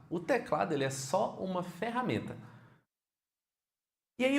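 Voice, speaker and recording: A man with a Brazilian Portuguese accent teaching keyboard online, lively and speaking straight to the viewer with frequent questions. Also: fairly high pitch, roomy sound.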